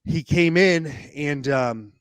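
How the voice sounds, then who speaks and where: Man, middle-aged, podcast guest, candid storytelling, halting restarts, dry close sound. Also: on the high side, clear, resonant tone, no room sound. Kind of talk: personal storytelling in a podcast interview.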